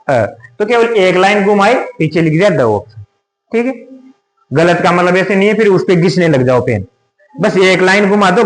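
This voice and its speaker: High-voiced teacher in an echoey room. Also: male voice. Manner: repetitive, rhetorical questions. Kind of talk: exam tips lesson.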